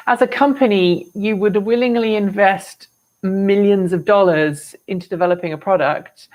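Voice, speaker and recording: English woman chatting on a live stream, rambly, kinda exasperated, wry. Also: medium pitch. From England. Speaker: host of an electric vehicle show. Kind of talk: casual live-stream chat answering comments.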